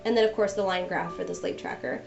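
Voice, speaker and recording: This young woman's fairly low voice is fast, fairly flat in intonation, and has vocal fry. She's a bullet journal vlogger recovering from a cold, narrating her journal planning in a friendly, chatty way, recorded as a dull lo-fi voice-over with music playing behind.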